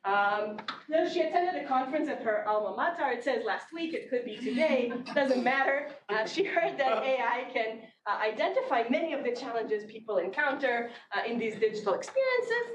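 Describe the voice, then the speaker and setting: A woman professor lectures to a classroom, her voice set a little high and easygoing, full of fillers and restarts. She is picked up from a distance, so the room echoes around her. A steady noise sits under the recording. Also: brisk, hardly any pauses. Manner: conversational with frequent fillers and restarts. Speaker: marketing professor. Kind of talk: conference lecture presentation. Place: large classroom.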